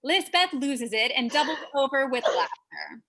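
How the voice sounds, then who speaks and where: Bright woman narrating stage directions. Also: high-pitched, very animated, normal speed, gravelly, rough recording. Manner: matter-of-fact with wry asides.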